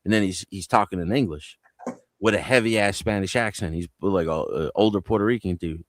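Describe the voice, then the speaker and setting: On a live panel stream, a man from New Jersey trades loose, profane stories in a casual manner. His voice sits low and moves fairly quickly. The recording is dry and comes through a home video-call mic.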